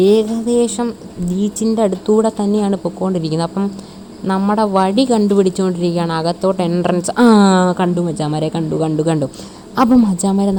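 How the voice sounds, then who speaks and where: A woman's voice: medium pitch, mellow, slight background noise. A woman with a Malayali accent giving casual gameplay commentary, mixing Malayalam with English words and chummily addressing viewers as buddies. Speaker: gaming channel host.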